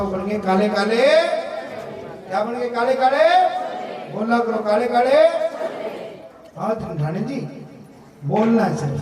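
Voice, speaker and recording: High-voiced man telling a devotional tale. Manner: dramatic call-and-response storytelling, urging the crowd to chant. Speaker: jagran storyteller. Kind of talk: devotional story narration at a night vigil. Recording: echoey hall, distant mic.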